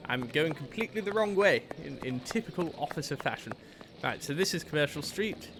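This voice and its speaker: A man's voice: on the high side, lively intonation, fairly quick, noisy background. A man with a British accent giving casual, exclamatory gameplay commentary with mock-outraged asides. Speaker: game streamer.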